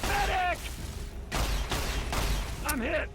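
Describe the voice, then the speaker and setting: An actor playing a wounded soldier in a game, calling for a medic in strained, gasping cries. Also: male voice, very high-pitched, very slow, full character voice. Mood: pained, urgent.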